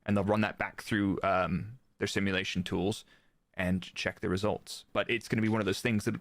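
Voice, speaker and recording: The voice belongs to a former Formula 1 performance engineer, a guest expert in a live interview giving relaxed, informal technical analysis of motorsport and quoting remarks to illustrate. He speaks low, at normal speed and in a level tone, with studio-quality audio and no echo.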